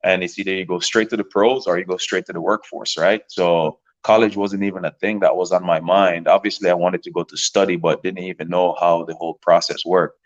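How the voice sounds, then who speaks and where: A man in his thirties from Jamaica, a professional soccer player talking casually as a guest, relaxed and rambling with lots of fillers and repeated words. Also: low voice, a little fast, hardly any pauses, lo-fi sound. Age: 30s. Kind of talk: casual interview talk.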